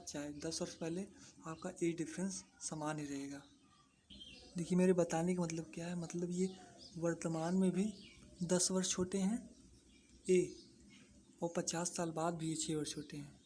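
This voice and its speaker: Maths tutor, steady monotone delivery, restates every step, quizzes then answers self; faint birdsong behind. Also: mid-range voice, a little hiss or hum. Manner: repeats points, asks and answers own questions. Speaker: maths teacher. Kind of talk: explaining a lesson to exam students.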